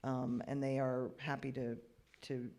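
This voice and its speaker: A panelist speaking earnestly and reflectively about working with actors. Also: male voice, medium pitch, little pitch movement, unhurried, vocal fry, darkish tone. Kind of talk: panel talk. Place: cinema cafe panel.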